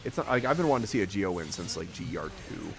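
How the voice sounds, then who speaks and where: A man's voice: low voice, sing-song, racing, gravelly, music in the background. A man casually commentating a live fighting-game tournament, rambling and chuckling often.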